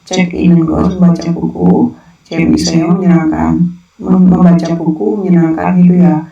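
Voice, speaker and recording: A Korean language teacher giving a casual online lesson, explaining in a relaxed, chatty way and repeating points often. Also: mid-range voice, normal speed, gravelly, a crowd in the background. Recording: roomy, distant, dull lo-fi sound.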